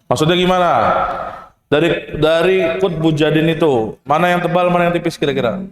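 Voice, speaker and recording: In an echoey hall with long reverb, a man teaches students Quran recitation (tajwid), questioning the class, demonstrating sounds, and slipping in casual jokes. His voice is fairly high and fairly quick, with fairly even intonation and slight background noise.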